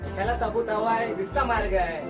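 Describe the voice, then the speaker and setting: A man acting as a nosy neighbour in a comedy short film, loud and mocking as he gossips about a young girl. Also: high-pitched, normal speed, close to an everyday voice. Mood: teasing. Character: nosy teasing male neighbour. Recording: distant mic with loud music.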